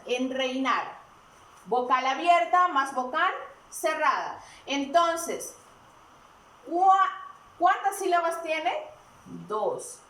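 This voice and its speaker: Slow, high-voiced woman teacher. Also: a bit bright. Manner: slow and deliberate, asks and answers her own questions. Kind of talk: recorded grammar lesson. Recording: echoey room, mic at a distance.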